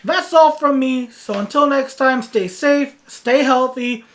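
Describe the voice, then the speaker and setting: A woman's voice: high-pitched, unhurried. Dramatic self-mocking young woman vlogger. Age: 20s. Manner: dramatic, self-mocking, swings between mumbling and loud outbursts. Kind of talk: comedic storytelling vlog.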